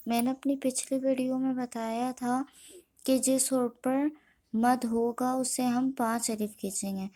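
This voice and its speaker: A woman teaching a step-by-step Quran reading lesson, her tone warm and mellow and her pitch a little high. She speaks in an even, level way with little rise and fall. She moves from brisk explanations to slow, careful syllable-by-syllable drills.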